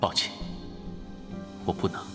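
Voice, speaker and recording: A man playing the disembodied voice of an old diary, speaking to a child in a calm, gentle, measured way. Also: in a large hall, close to an everyday voice. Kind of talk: scripted radio-style drama. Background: music.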